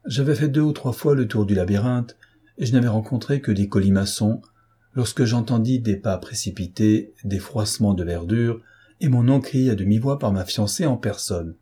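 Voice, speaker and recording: A man reading a novel aloud as narrator, with calm, measured storytelling. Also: lowish voice, breathy edge. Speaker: audiobook narrator.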